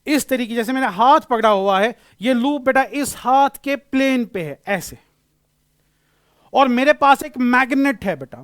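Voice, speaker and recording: A man's voice: very high voice, smooth, no room sound, studio quality. A male physics teacher giving a classroom lecture, explaining patiently, repeating key phrases and using terms.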